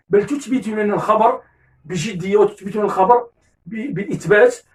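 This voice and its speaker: Moroccan male teacher, a little off-mic. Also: high-pitched. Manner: repeats key terms, corrects himself with "pardon"; mixes French with Moroccan Arabic asides. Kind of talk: classroom lesson explanation. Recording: voice distant from the mic.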